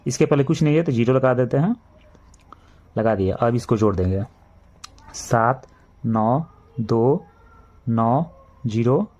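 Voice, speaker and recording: A man's voice: medium pitch, animated, darkish tone. Hindi-accented male maths teacher explaining step by step. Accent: Bihari Hindi. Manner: slow, repetitive step-by-step explaining, addresses children. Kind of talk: classroom maths lesson.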